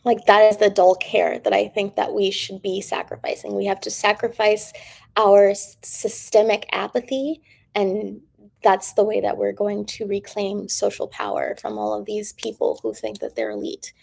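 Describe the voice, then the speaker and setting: Gravelly, monotone woman streaming. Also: medium pitch, moderate pace. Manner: rambling, filler-heavy, drifting into whispers. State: strained throat. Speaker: livestream host. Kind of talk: casual livestream monologue.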